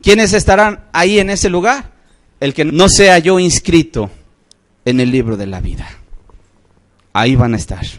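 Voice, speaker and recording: Dramatic Spanish-speaking preacher. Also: male voice, animated, moderate pace, long pauses. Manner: emphatic, swings from loud outcries to low solemn phrases; addresses listeners as brothers, asks rhetorical questions. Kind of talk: sermon. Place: church.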